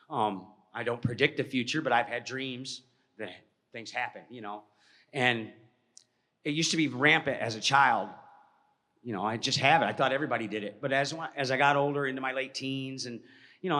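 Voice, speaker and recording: A man from Georgia telling a personal story to an audience, animated, often dropping to a hush, with many restarts. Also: mid-range voice. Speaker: speaker at a presentation. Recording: long hall reverb.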